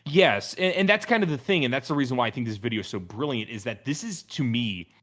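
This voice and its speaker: A man's voice: mid-range voice, expressive, fast, fairly bright tone. A man hosting a casual review discussion, talking in an earnest, enthusiastic, wordy and analytical way. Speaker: podcast host.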